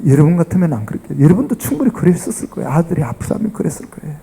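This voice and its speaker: A man's voice: a little high, sing-song, very fast, vocal fry, mellow, husky, rough recording. A middle-aged man, a pastor with a Gyeongsang accent, preaching a sermon and dramatically acting out the people in the story. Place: church sanctuary.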